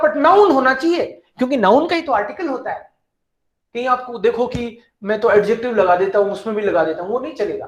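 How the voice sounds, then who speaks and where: A man teaching grammar to a class, slow and patient, spelling out each example and mixing in English terms. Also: very high-pitched, roomy sound. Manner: mixes English terms into his talk. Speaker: German teacher.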